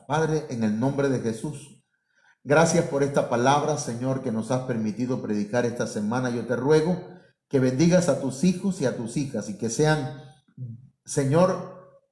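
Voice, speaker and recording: A man's voice: medium pitch, warm tone, echoey room. A man, a pastor, preaching a sermon full of rhetorical questions and acted-out quotes.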